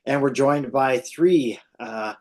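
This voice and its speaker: A man's voice: mid-range voice, slow. A man moderating a formal panel as a professor, speaking on a video call.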